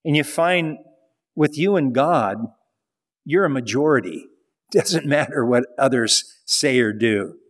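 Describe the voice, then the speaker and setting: A man's voice: medium pitch, lively intonation, measured pace, long reverb tail. A male pastor preaching a sermon in a conversational style, with rhetorical questions.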